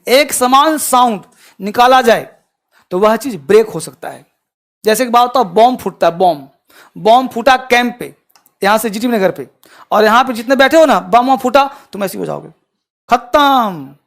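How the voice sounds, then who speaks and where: Guy teaching a class, keeps asking students if they got it, loud then quiet, very animated. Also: very high voice. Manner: addresses students with frequent quizzing questions; animated, shifting between loud emphasis and quiet asides. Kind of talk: classroom lecture.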